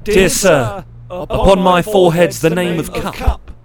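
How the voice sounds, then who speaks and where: A man's voice: sits high, unhurried, crowd noise, pitched above the performer's own voice. A man voicing a wary, defiant young man with many selves, who speaks in a formal, earnest, declaiming way.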